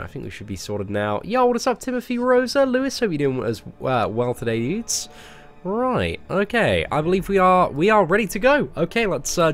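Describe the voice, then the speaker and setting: While playing a mobile game live, a young man from England chats with viewers, greets them by name, and fills his talk with fillers. His mid-range voice is a bit bright and somewhat nasal from a cold.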